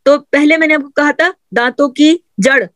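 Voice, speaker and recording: Woman recitation teacher, drills sounds, encouraging, dry recording, higher voice. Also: steady tone, no echo. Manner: repeats sounds for drilling, asks "theek hai?" often; gently encouraging, addresses female learners. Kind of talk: patient tajweed lesson on letter articulation.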